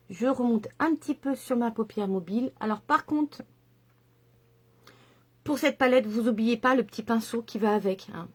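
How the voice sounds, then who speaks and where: A woman's voice: on the high side, slightly rough. A middle-aged woman chatting enthusiastically through a makeup tutorial, with lots of fillers and asides. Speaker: makeup vlogger.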